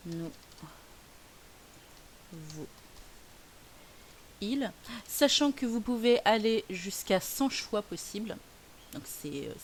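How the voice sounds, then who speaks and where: Chatty woman talking through a tutorial. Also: fairly low pitch. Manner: chatty, hesitant, many fillers. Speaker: teacher making a software tutorial. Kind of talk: screen-recorded tutorial. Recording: faint hiss.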